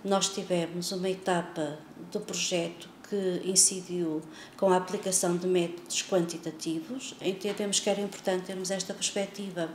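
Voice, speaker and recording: A woman's voice: on the low side, fairly even intonation, normal speed, darkish tone, a little hiss or hum. A woman researcher, speaking formally with many fillers. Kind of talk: explanatory interview. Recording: echoey room.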